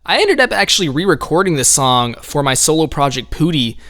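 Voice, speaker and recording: A man's voice: a little high, sing-song, fairly quick, a bit bright. A man talking through his own album in casual solo commentary, laid-back and rambling, with frequent light laughs.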